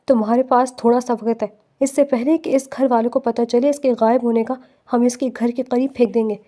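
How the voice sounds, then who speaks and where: A scheming, deceitful young woman in a spoken storybook, read by a woman narrator. The voice is high with a dark tone. It is a plain reading. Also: steady tone, natural voice.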